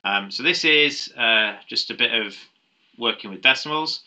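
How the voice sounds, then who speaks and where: A man's voice: mid-range voice, moderate pace, pushed and bright. A man working through a maths challenge paper step by step, thinking aloud with frequent ums and small restarts. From United Kingdom. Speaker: maths tutor.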